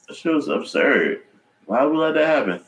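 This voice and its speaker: A man co-hosting a casual music podcast, swearing freely and telling stories with animated energy. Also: medium pitch, a little fast, poor audio. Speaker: podcast co-host. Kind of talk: casual chat.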